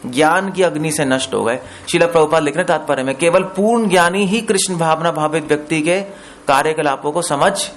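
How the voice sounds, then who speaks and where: A man with a fairly high voice teaching scripture to a gathering, pausing to quiz his listeners and slipping English terms into his explanation. A faint hiss sits under the recording. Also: a bit bright. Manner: explains with questions to listeners, mixes in English words. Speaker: preacher. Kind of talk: scripture discourse.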